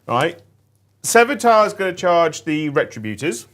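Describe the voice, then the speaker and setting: A man's voice: fairly high pitch, sing-song, a little slow, a bit bright. A man playing a tabletop wargame, calling out his moves playfully and throwing in silly sound effects. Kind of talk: casual banter during a game.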